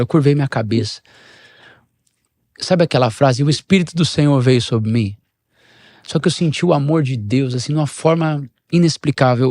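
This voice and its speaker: A middle-aged man, a pastor, telling a personal story, acting out the dialogue. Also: dry recording. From Brazil. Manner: animated storyteller, shifts pitch and level, acts out dialogue. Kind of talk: storytelling in a podcast interview.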